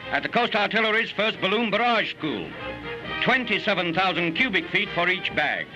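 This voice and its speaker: A man narrating an old 1940s newsreel with brisk, emphatic announcing. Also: high voice, animated, poor audio. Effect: old newsreel soundtrack. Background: loud music.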